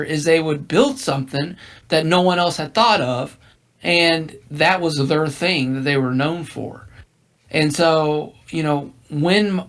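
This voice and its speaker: A man's voice: fairly high pitch, a bit bright. A man co-hosting a casual gaming podcast, losing his voice, rambling with many restarts. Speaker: podcast co-host.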